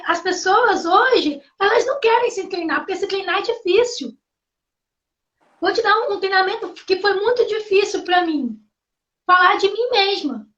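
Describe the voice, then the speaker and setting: High-voiced woman giving earnest testimony. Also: a bit bright. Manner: earnest, halting with restarts. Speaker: host. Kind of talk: live testimony. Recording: muffled lo-fi livestream audio.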